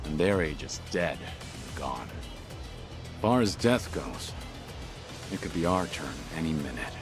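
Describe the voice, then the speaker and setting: A man's voice: a bass voice, lively intonation, measured pace, over music, full character voice. A man playing a stoic, weathered middle-aged ex-yakuza in a video game, terse, dry and guarded. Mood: grim. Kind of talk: dramatic video game acting.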